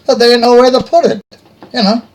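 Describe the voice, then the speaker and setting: A man hosting his own show, telling a rambling story in a folksy, rough-spoken, joking way. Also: very high voice, fairly even intonation, fairly quick, poor audio. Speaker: host. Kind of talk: casual rambling monologue.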